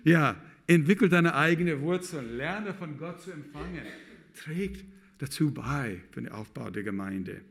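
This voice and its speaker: A middle-aged pastor preaching a sermon, talking with loose, broken grammar and turning to the congregation with questions. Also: male voice, on the high side, measured pace, gravelly, husky. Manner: lively, addresses the congregation with questions.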